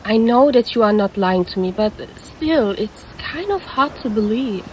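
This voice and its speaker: A woman's voice: fairly high pitch, lively intonation, measured pace, darkish tone, a little hiss or hum, rough recording. A woman voicing a predatory female siren who poses as a lifeguard and teases the listener in an audio roleplay. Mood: concerned, puzzled. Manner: teasing, calls the listener handsome.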